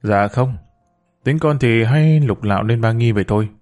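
A man's voice: medium pitch, normal speed, a little mellow, faint music behind, lightly acted. A man reading an evasive young son. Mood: hesitant. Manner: hesitant, polite.

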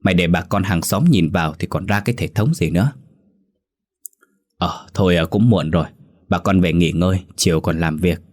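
A man doing a slow-spoken old village head. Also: low-pitched, a little mellow. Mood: hushed. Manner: slow and measured. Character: old male village head, calm and dutiful.

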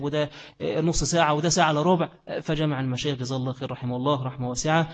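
A man's voice: medium pitch, in a large hall. A man with an Egyptian accent giving a religious lesson, who asks his listeners questions and answers them himself. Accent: Egyptian Arabic. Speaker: Islamic teacher.

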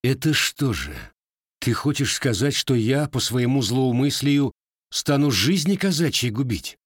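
A man voicing a proud young village armourer who explains his craft in a measured way. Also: mid-range voice, animated, slightly rough, no room sound, clean studio sound, pitched above the performer's own voice. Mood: hissing.

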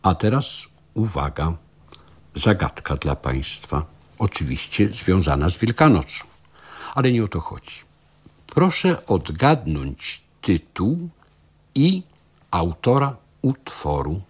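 Slow, playful declaiming man. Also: sits low, big pitch swings, breathy edge. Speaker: radio presenter. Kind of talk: radio presenting.

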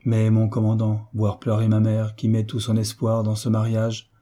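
A man's voice: lowish voice, monotone, moderate pace, warm tone, lightly acted. A man voicing a young duke, earnest and somewhat hesitant.

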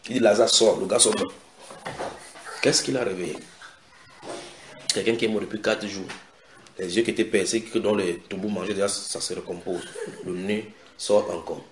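A man preaching a sermon in a house church, animated and expressive. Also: lowish voice, normal speed, long pauses. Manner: animated preaching with acted quotes and a shouted climax. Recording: echoey room, faint noise.

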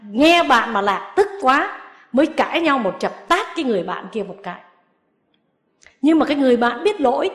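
A woman, a Buddhist nun, giving a sermon with lively storytelling and acting out the people she quotes. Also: on the high side, reverberant.

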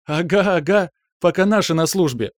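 Guy putting on a high squeaky young girl voice, gushing, all excited, storybook read. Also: normal speed, no echo, clean studio sound. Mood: giggly.

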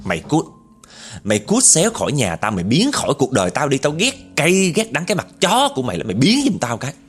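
A man's voice: mid-range voice, fairly quick, faint music behind, close to an everyday voice. A man voicing a furious, possessed young pregnant woman who hurls crude insults. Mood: raging. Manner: shouting, crude and hostile.

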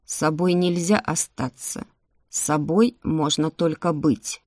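A woman doing an old shaman man, deep, slow and measured, quiet and cryptic, calm storybook mystic. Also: no room sound. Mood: grave, cryptic. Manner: slow, low, measured pronouncements. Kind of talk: audiobook character voice.

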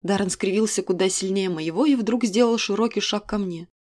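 A woman reading a first-person novel aloud in an expressive, even storytelling manner. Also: medium pitch, a little fast. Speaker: audiobook narrator. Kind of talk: scripted first-person narration.

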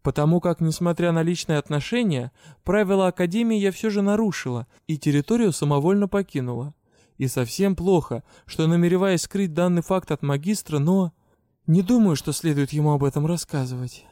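A man reads a first-person fantasy story in an even, measured way. His voice sits a little high and sounds smooth and clear. The recording is dry and close to the mic. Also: no room sound. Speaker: audiobook reader.

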